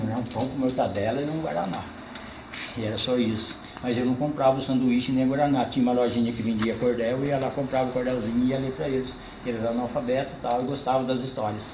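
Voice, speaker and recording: Here an older man from Brazil's São Paulo countryside, a cordel poet with a caipira accent, talks informally and animatedly to tourists, lengthening words to stress them. He has a mid-range voice. The sound is roomy and lo-fi, with a noisy background.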